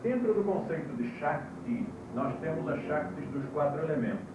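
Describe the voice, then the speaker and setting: A man with a Brazilian Portuguese accent teaching a class, slowly spelling out terms, heard from an old VHS tape recording. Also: fairly high pitch, lively intonation, dull audio. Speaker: yoga teacher. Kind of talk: classroom lecture. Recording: hissy old VHS tape, echoey room, far mic.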